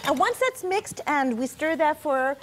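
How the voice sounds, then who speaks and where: A woman's voice: high voice, big pitch swings, measured pace, a bit bright, slight background noise. A middle-aged woman cooking instructor walking through a recipe step by step on a TV studio kitchen set, friendly and explanatory. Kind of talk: cooking demonstration on a TV show.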